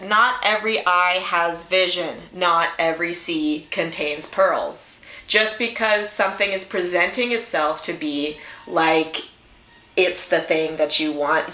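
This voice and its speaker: A woman speaking as a casual fortune teller, giving spiritual advice with informal slang, repetition and acted-out reactions, speaking straight to the listener. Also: lowish voice. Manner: animated, informal, acts out imagined reactions, uses slang and repetition; fortune-teller style reassurance addressed to the listener. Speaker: oracle card reader, spiritual guide. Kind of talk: casual oracle reading, spiritual advice talk. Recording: roomy, echoing room sound.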